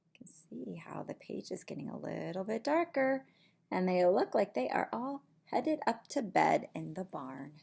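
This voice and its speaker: A middle-aged woman with a fairly low, darkish voice reads a picture book aloud to small children in a little room at home. She is very animated but deliberate, using a slow sing-song delivery with some creakiness, like a preschool teacher who pauses for easy asides and questions about counting.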